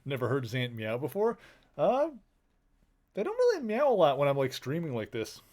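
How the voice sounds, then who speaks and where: A man's voice: on the high side, huge pitch swings, moderate pace, a little mellow. Rambling male game streamer. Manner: rambling and affectionate, cooing to his pets in a baby voice. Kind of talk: casual chat while live streaming.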